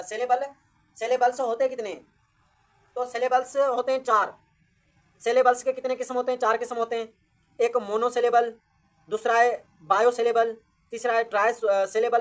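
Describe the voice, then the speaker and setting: A woman gives a grammar lesson. She asks questions and answers them herself, and reads English definitions out slowly and deliberately. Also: on the high side. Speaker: grammar teacher. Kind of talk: classroom-style grammar lesson.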